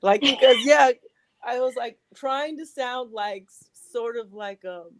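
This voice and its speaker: A woman comic creator chatting casually as a podcast guest, lively and quick to laugh. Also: on the high side, slight background noise. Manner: animated, laughs often.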